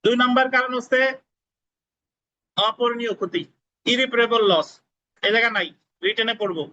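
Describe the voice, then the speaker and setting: A law tutor with a Bangladeshi Bengali accent gives a classroom lecture, repeating key points, checking whether students understand, and spelling words out letter by letter. His voice is extremely high-pitched, bright, and forceful at a normal pace, and the recording has its highs cut off.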